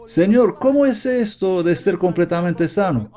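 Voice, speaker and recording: A man preaches in a slow, unhurried cadence, pressing his congregation with the same question again and again. His voice sits fairly high yet sounds mellow and dark. His tone stays earnest and confessional. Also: lively intonation. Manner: emphatic, repeated questions to the congregation. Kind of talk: sermon.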